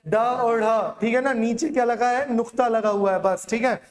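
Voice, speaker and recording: A man's voice: very high voice, fairly even intonation, moderate pace, echoey room. A male Hindi teacher giving an exam-prep lecture, drilling students by asking questions and answering them himself.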